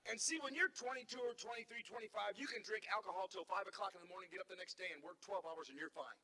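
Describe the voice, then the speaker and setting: Male stand-up comic in his fifties, high voice, rambling storyteller who keeps restarting his sentences on a theater stage. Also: fast, pushed and bright. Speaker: stand-up comedian. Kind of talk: stand-up comedy routine.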